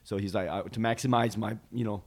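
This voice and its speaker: A man from Malaysia in his thirties chats as a guest on a podcast. His voice sits fairly low, and he rambles loosely through his stories, circling back with fillers and false starts. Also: steady tone, fast. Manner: rambling storyteller with many fillers and restarts. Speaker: guest comedian. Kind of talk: casual podcast interview.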